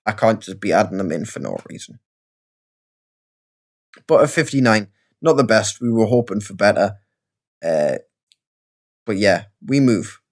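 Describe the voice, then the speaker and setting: A man's voice: fairly low pitch, animated, unhurried, long pauses. A man with a Geordie accent giving casual, rambling let's-play commentary in a chatty, self-deprecating way. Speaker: gaming video creator.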